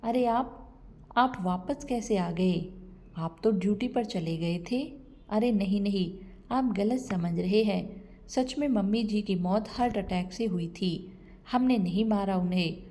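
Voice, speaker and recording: A woman's voice: mid-range voice, slow pace, dark tone, close to an everyday voice. A woman voicing a scheming young daughter-in-law who pleads and sounds frightened, in a storybook reading. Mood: anxious. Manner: fearful, pleading.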